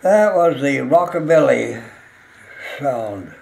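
A very old man, around a hundred, reminiscing in an interview, halting and stammering as he searches for words, with an aged voice. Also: medium pitch, lively intonation, a little mellow, poor audio. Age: very old, about 102. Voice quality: gravelly, aged voice. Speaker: interviewee recalling local music history. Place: small living room, indoors.

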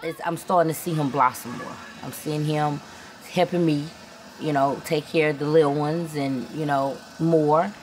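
Low-voiced woman. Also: steady tone, normal speed, a little mellow. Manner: talks in loose run-on phrases with repeated fillers. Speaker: interviewee. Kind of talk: casual interview recollection. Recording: faint ambient noise.

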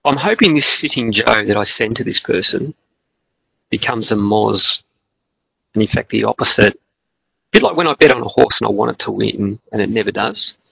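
A man's voice: on the low side, normal speed, creaky, sharp tone, breathy edge, no echo. A man co-hosting a casual Australian football podcast, hesitant and rambling with many restarts, on a dull, dry lo-fi recording. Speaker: podcast co-host.

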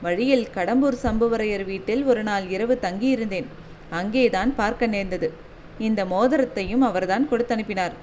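A woman's voice: mid-range voice, normal speed, a little mellow, slight background noise, natural voice. A woman voicing a young male warrior messenger in a storybook reading, speaking politely and deferentially. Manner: deferential, respectful.

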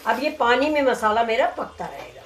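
A woman hosts a home cooking demonstration for her channel in a very animated, fairly high voice at normal speed, explaining each step as she chats with viewers. The tiled kitchen echoes, and there's noise throughout.

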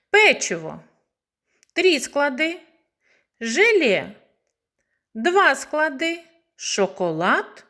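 A woman preschool teacher giving a slow, clearly spoken lesson to young children, stretching words into syllables. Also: fairly high pitch, sharp tone.

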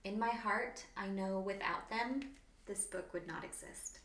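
A children's author in her thirties reads a storybook aloud expressively in a small, plain indoor room that sounds roomy and echoing. Her medium-pitched voice is a bit bright, with a measured pace.

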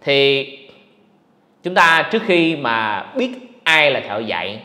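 A man hosting a casual livestream podcast, talking in an animated, ranting way to his viewers. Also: medium pitch, slow. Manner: animated, ranting, mocks others in put-on voices. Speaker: podcast host. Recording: echoey room with long reverb.

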